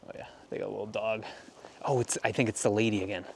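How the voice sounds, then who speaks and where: Out in the cold beside a frozen lake, a man films a casual walk-and-talk photography vlog, muttering easygoing asides as he thinks aloud. His voice is fairly low and steady, and he talks quickly. Wind and outdoor ambience come through clearly and noisily.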